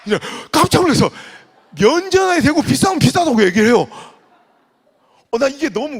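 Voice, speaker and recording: A middle-aged male pastor preaching a revival sermon, telling lively stories and swinging from quiet asides to loud bursts. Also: high voice. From Korea. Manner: animated storytelling, acts out dialect dialogue, swings from soft to loud. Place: large church sanctuary. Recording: long church hall reverb.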